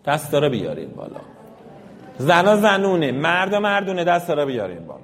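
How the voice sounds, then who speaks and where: A man with a fairly high voice teaches a class of parents about health, firing questions at the room and coaxing everyone to answer and read aloud together. His voice rings with the long reverb of a large lecture hall. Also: wildly swooping pitch. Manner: quizzes the audience and leads call-and-response. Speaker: health educator.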